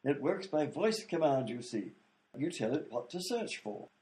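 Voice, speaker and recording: With a mid-range, sing-song, darkish, natural voice at a moderate pace, a man plays an eccentric inventor in a radio comedy. The character explains things at great length and fussily, leaning on lots of "you see."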